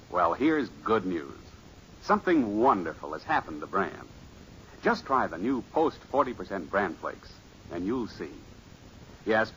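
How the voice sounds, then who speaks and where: Lively low-voiced male radio announcer. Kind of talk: scripted 1950s radio advertising pitch. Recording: muffled old radio recording with faint noise.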